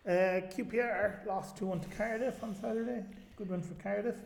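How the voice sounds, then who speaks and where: A man's voice: high-pitched, steady tone, normal speed, vocal fry, slight background noise. A man hosting a casual football discussion in a conversational, hesitant way, his voice ringing with a big echo. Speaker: podcast host. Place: echoey room. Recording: echoey room, big echo on voice.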